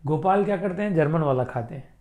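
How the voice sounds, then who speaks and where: A man teaching English grammar, reading example sentences slowly, then quizzing and answering himself. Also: a little high, animated, darkish tone. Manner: explains by repeating himself, asking questions and answering them. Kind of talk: Hindi-language grammar lesson.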